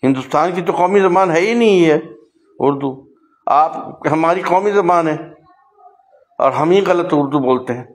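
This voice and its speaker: An older man, a poet, talks earnestly in a lecturing way, working through one example after another. His voice sits a little high for a man. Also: long pauses. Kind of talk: casual spoken talk on language.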